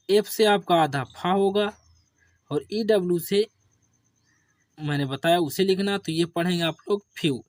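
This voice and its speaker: Male teacher for a kids' spelling lesson, slow and patient, quizzes and then drops low on each answer, dry close sound. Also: no room sound. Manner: addresses viewers as children. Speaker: English teacher.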